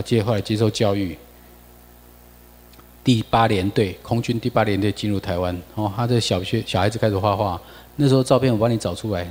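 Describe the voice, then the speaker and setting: A man with a Taiwanese accent giving a lecture over slides, animated and full of rhetorical questions to the audience. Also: on the low side, long reverb tail.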